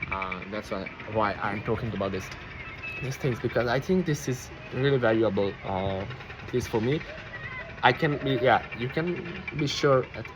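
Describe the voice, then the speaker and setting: A medium-pitched man with a Hungarian accent, not a native English speaker, thinks aloud in a rambling, reflective vlog, often stopping and restarting as he hunts for words. Passing vehicles make the background noisy.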